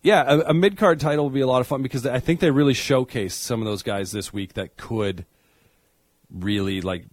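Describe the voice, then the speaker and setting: A man co-hosting a casual wrestling podcast, rambling and animated, breaking into loud excited bursts. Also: medium pitch, brisk, no room sound. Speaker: podcast co-host. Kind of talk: casual chat about wrestling.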